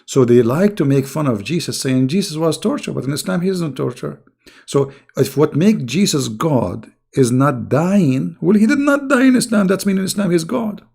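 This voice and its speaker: With a slightly high, darkish, gravelly voice that he's clearly losing, this online religious commentator sounds animated as he mocks and insults in a casual, rambling monologue. He talks at a normal speed, his hoarseness audible throughout.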